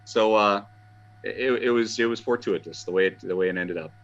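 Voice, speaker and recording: A man, talking eagerly and a bit haltingly as an interview guest, often repeating words as he starts a sentence. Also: fairly low pitch, lo-fi sound. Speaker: guest, fan site writer. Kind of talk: casual interview talk.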